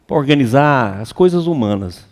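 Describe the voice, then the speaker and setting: A man with a Brazilian Portuguese accent giving a lively, colloquial seminar lecture to an audience. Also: mid-range voice, brisk. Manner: animated and colloquial, acts out quoted voices. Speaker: seminar speaker. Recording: reverberant hall.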